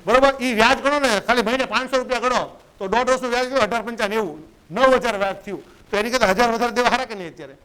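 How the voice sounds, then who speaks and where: A man's voice: very high-pitched, racing, hardly any pauses, sharp tone, clear, resonant tone, low-quality recording. A man, giving a business coach's lecture and often asking his listeners "right?". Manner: conversational, keeps asking "right?" to check in.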